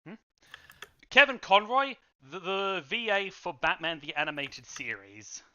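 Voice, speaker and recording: Animated, bright-voiced man chatting. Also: high-pitched, clear, resonant tone. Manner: animated, emphatic, quick bursts. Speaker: podcast co-host. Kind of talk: casual chat. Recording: dull lo-fi audio.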